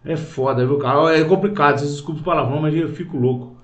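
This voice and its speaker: A man with a Brazilian Portuguese accent ranting angrily to camera about politics. He swears, repeats himself and talks slowly. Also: fairly high pitch, reverberant. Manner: indignant, profane, keeps saying "cara"; slow and repetitive, with restarts. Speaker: political video commentator. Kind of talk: angry rant to camera.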